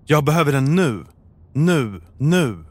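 A man's voice: on the high side, big pitch swings, no room sound. Upset young woman calling for help, urgent and pleading, as a man narrates her.

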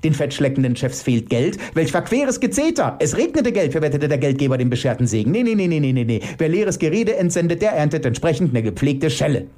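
A man voicing a preachy, indignant woman who delivers agitated, high-pitched tirades. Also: sing-song, fast talker, vocal fry, dark tone, slightly rough, full character voice. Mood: outraged.

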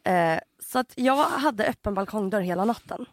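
A woman co-hosting a podcast in casual chat, an animated storyteller who acts out other people loudly. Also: mid-range voice, no echo. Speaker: podcast co-host.

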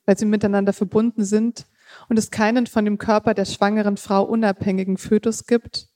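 Mellow-voiced woman reading her prose. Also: medium pitch, dry recording, clean studio sound. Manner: measured reading with occasional slips and casual asides. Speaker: author reading her own text.

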